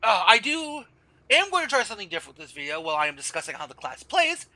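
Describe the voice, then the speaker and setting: High bright-voiced tired male gamer. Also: wildly swooping pitch, fast talker, low-quality recording. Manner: rambling, often stops to correct himself. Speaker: gamer explaining a game class. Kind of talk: casual game guide voice-over.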